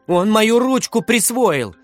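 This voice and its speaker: A man voicing an angry fourth-grade boy who shouts and insists the pen is his. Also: very high-pitched, animated, measured pace, soft background music, pitched above the performer's own voice, exaggerated voice. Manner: shouting, indignant.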